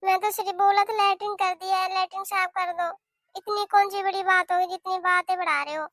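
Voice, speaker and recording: A young new mother, put-upon and plaintive, pleading for help around the house, voiced by a woman for a cartoon. The voice is very high and bright, dry and close to the mic. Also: flat delivery, brisk, no room sound. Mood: defensive. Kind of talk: cartoon voice acting.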